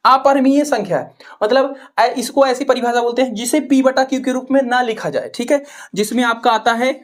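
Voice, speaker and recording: A woman with a Hindi accent from Uttar Pradesh teaches maths in a classroom-style explanation to students, her voice a little high and brisk. She poses questions, answers them herself, and keeps checking in with "ठीक है".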